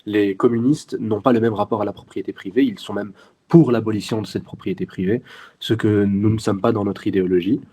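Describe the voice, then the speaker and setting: A young man of twenty-one with a Belgian French accent, speaking in a fairly low, mellow voice. He explains his views earnestly, step by step, as a guest in an interview. He often hesitates and restarts his sentences. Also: steady tone, fairly quick, slightly rough. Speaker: guest, youth party section president. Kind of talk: interview answers.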